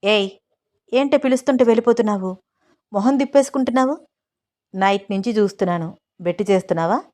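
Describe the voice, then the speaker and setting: A woman's voice: medium pitch, quick pace, darkish tone, natural voice. A woman voicing a playful, pushy young husband who teases his wife. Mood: teasing. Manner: teasing, cajoling.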